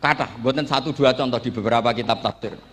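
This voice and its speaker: A man's voice: medium pitch, fast talker, a bit bright. A middle-aged man with a Javanese accent giving a sermon, telling stories with acted dialogue and joking asides. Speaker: Islamic preacher.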